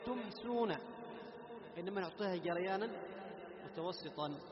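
A man teaching a recitation lesson. He explains quickly, chants the example verses slowly and melodiously, and keeps asking his students questions that he then answers himself. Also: sits high, a crowd in the background. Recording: echoey, muffled room recording with background noise.

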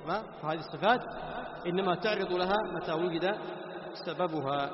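A man's voice: high voice, a crowd in the background. A man teaching a Quran recitation class, questioning his students and answering himself. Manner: chants Quran verses slowly as examples. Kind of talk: classroom lesson on tajweed. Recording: echoey hall, dull lo-fi, background noise.

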